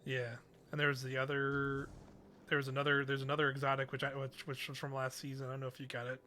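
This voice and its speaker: A man's voice: mid-range voice, monotone, quick pace, pushed and bright, slight background noise. A young man chatting casually as a game streamer, with a hesitant, rambling, slangy way of talking. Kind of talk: casual chat while gaming.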